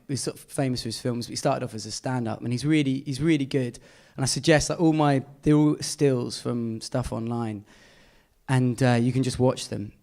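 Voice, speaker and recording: A man's voice: medium pitch, darkish tone. Chatty man giving a slide talk. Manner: chatty, enthusiastic, many fillers. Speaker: artist giving a presentation.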